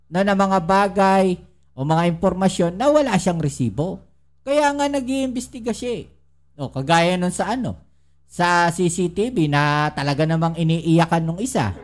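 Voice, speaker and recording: A woman's voice: medium pitch, a little mellow. A woman giving casual political commentary to her viewers, full of rhetorical questions and tag questions. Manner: addresses viewers directly and often.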